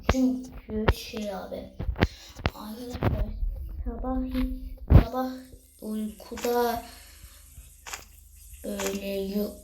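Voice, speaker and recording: A young woman giving chatty, excitable commentary while playing a game and talking to her viewers. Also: mid-range voice. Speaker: gaming youtuber. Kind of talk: casual gameplay commentary. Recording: echoey room with background noise.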